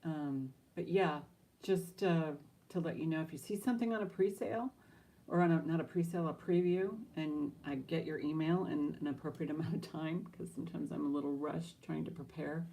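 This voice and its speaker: A woman's voice: deep voice, fairly quick, creaky, warm tone, rough recording. A woman running a live online auction as auctioneer, mixing casual, chatty patter with bid calls in an informal, rambling way.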